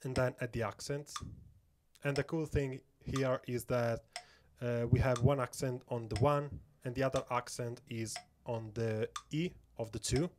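A man's voice: medium pitch, steady tone, unhurried, noisy background. A man giving a step-by-step drum lesson, counting beats aloud and often checking in with "okay?". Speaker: drum teacher. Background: metronome clicks.

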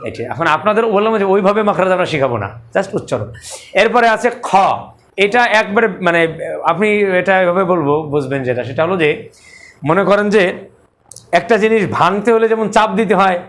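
A man's voice: high voice, animated, brisk, fairly bright tone. A man teaching a recitation class, patiently drilling letter sounds and having students repeat after him. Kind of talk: live class instruction with drills.

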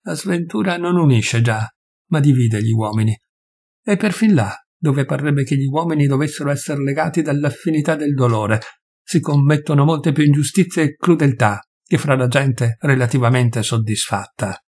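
A man reading a literary short story aloud in measured audiobook narration. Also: mid-range voice, darkish tone, breathy edge. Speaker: reader.

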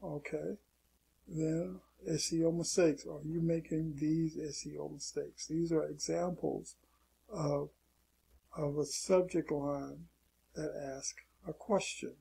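Slow and flat, this fairly high male voice is creaky and dark-toned with a breathy edge. He's giving a loose, casual online marketing lesson via screen-share, frequently saying "okay" and repeating his warnings.

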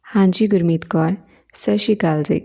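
A woman's voice: fairly low pitch, steady tone, brisk, gravelly, warm tone. A woman voicing an older mother-in-law who talks in a polite, worried way, in a storybook reading. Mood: fretful.

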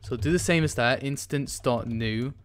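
A man's voice: mid-range voice, moderate pace, slight background noise. A man hosting a casual coding tutorial, talking through his screen with many ums and restarts as he types. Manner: casual, hesitant, many ums while typing. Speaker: tutorial host.

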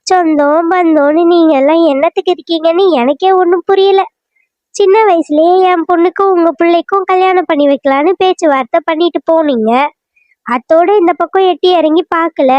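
This is a bitter village mother in a cartoon serial, voiced by a woman, complaining and lamenting in a Kanyakumari Tamil accent. Her voice sits extremely high and shrill. The recording is dry and a little muffled. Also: dry recording. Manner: reproachful, wailing, nagging.

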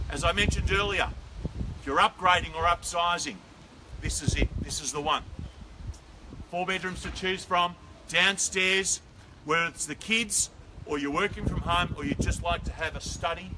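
A middle-aged Australian man with a high-pitched voice calls a live property auction outdoors on a suburban front driveway, mixing persuasive sales patter with rhythmic bid calls. The background is noisy, and the audio comes from a distant camera with no visible mic.

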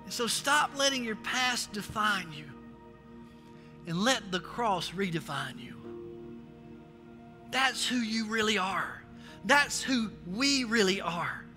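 A middle-aged American man's very high, pushed, bright voice rings out as he preaches like a pastor, emphatic and exhorting, repeating phrases to make them stick. He's amplified on a large church stage indoors, and the recording has echoey hall reverb with faint music.

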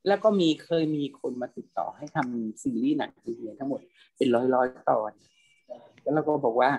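A man's voice: mid-range voice, a little fast, darkish tone, slightly rough, poor audio. A middle-aged man, a film subtitle and dubbing translator, talking at length in a panel discussion, rambling and repeating words.

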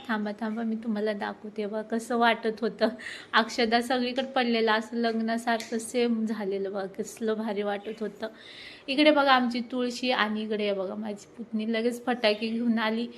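A woman in her thirties chatting excitedly to viewers while filming a family ceremony at home on her phone. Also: on the high side. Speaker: vlogger. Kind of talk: casual vlog narration. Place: at home during a family ceremony, indoors and outdoors. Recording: faint background noise.

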